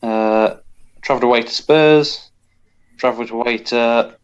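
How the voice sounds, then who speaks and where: A man's voice: mid-range voice, a little slow, clear, resonant tone. Rambling wry man, lo-fi sound. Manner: rambling, self-correcting, wry. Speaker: podcast co-host. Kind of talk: casual football chat.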